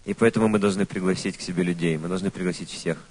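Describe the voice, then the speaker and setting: A man interpreting a speech, phrase by phrase, quick and with restarts. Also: deep voice, steady tone, a little mellow. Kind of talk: consecutive interpreting.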